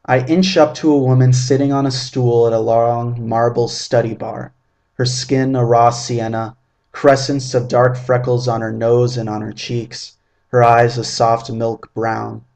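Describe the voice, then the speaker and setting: A man in his twenties reading his own first-person story aloud in a measured, vivid, descriptive way. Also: medium pitch, level tone, gravelly, a little mellow. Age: 20s.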